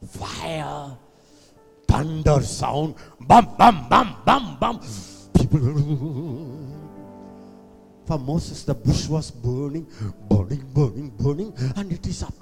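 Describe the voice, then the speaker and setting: In a reverberant hall with music behind him, a man preaches in a South Indian accent. His delivery is slow and theatrical, full of repeated phrases and vocal sound effects. He addresses the congregation directly as he gives his sermon. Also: medium pitch, mellow, husky.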